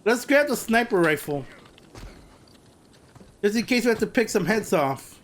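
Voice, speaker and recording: A man giving chatty let's play commentary over a game, excitable and swearing. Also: high-pitched, measured pace, a little hiss or hum. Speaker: gameplay commentator.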